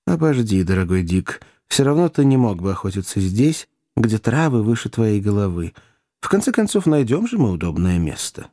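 A man voicing a calm, learned male doctor who speaks in a soothing, reassuring way. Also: fairly low pitch, normal speed, dry recording, studio quality.

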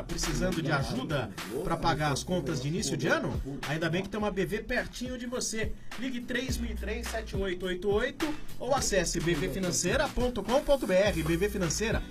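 A male radio sports host reading sponsor spots, his voice coming out metallic and half-robotic from a faulty microphone. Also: high-pitched. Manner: brisk announcer delivery. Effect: metallic, half-robot voice from a faulty mic. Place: radio studio.

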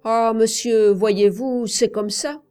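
A man's voice: sits high, steady tone, takes it slowly, a little mellow, clear, resonant tone, faint music behind, voice pushed up. A woman reading a storybook, voicing a respectful, chatty male racing groom in a slightly raised voice. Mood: eager.

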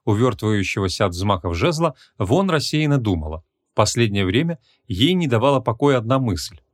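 A man narrating a humorous fantasy audiobook in a measured, expressive reading. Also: mid-range voice, no echo, studio quality.

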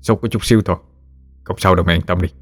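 A man voicing a poor grieving fisherman father who talks softly and stammers a little. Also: sits low, steady tone, racing, faint music behind. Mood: reassuring. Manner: soft, stammering, subdued.

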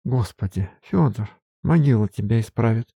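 A man's voice: animated, normal speed, creaky, warm tone, husky, dry recording, studio quality. A man reading an audiobook, voicing a tender but scolding young woman by raising his voice. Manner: voice raised to a higher register for the woman.

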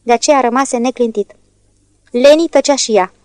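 A woman narrates a classic novel for an audiobook, steady and measured. Her voice sits high, and the recording is close and dry. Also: dry recording. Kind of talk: scripted narration.

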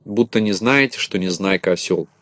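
A man voicing a clever, calm little shorty leader who sounds puzzled and dryly mocking in a storybook reading. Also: low voice, moderate pace, no room sound, studio quality.

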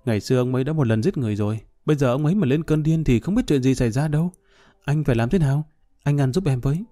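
A man's voice: mid-range voice, very fast, mellow, no echo, studio quality, natural voice. A man voicing a frightened young wife who pleads anxiously in a storybook reading. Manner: worried, pleading.

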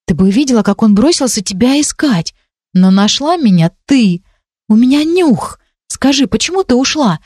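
A woman voicing a gentle, earnest young girl in an audiobook, speaking soft and high. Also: lively intonation, moderate pace, no echo, studio quality.

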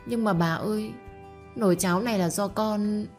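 A woman's voice: medium pitch, moderate pace, darkish tone, faint music behind, pitched above the performer's own voice, lightly acted. A woman voicing a sly young servant girl who talks eagerly and fawns over her masters. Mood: fawning.

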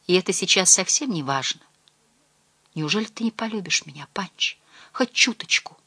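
Woman doing a gentle, remorseful mother for an audiobook; hushed, pleading, low-pitched and dry. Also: big pitch swings, normal speed, slightly rough, dry recording, exaggerated voice. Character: tender, remorseful young mother. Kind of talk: audiobook character reading.

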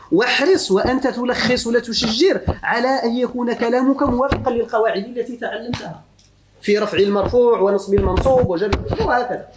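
A man's voice: extremely high pitch, reverberant, background noise. A man with a Moroccan accent teaching grammar in a classroom lecture, often putting questions to his students and mixing formal speech with dialect. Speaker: religious teacher of Arabic grammar.

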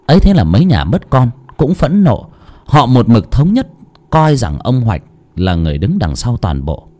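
A man's voice: medium pitch, sing-song, moderate pace, a little mellow. A man narrating an audiobook story dramatically.

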